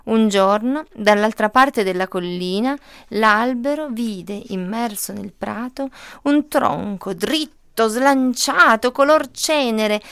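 A woman reading a children's story aloud in a gentle, expressive way. Her voice is slightly high, smooth and resonant, and it comes across dry and close to the mic. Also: dry recording.

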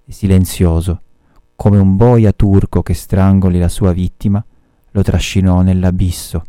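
A man, a teacher, reading a novel aloud to his students at a measured pace, pausing to explain the story. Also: sits low, level tone, warm tone, clear, resonant tone, no echo, studio quality.

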